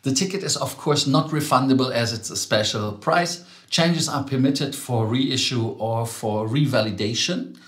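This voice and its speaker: A man's voice: mid-range voice, moderate pace, echoey room. A man with a German accent hosting a travel news show, chatting casually with many ums and self-corrections.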